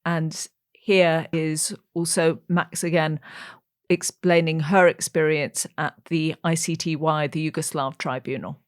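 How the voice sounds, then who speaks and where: A middle-aged woman hosts a podcast with a low, grounded voice. She talks conversationally and leads into each guest's remarks. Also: flat delivery, measured pace. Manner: conversational, links the guest clips. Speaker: podcast host. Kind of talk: podcast hosting.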